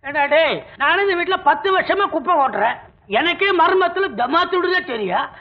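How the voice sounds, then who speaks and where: A man's voice: extremely high pitch, expressive, moderate pace. An actor playing a drunk, weepy male servant who blabbers gossip, in a 1980s film scene on a tinny soundtrack. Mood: tipsy, maudlin. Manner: slurred tipsy blabbering.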